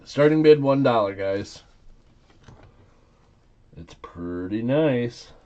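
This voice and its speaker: Male auctioneer, unhurried and playful, mellow tone, slightly muffled lo-fi recording. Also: medium pitch, expressive. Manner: playful, repeats bids and calls. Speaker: auctioneer and live stream host. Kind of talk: casual auctioneer patter on a live auction.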